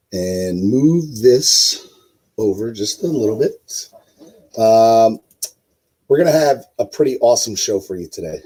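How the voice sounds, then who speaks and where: A man hosts a casual live-stream sports show, rambling with many fillers and talking to the viewers in his chat. His voice is hoarse, medium in pitch, and dark in tone.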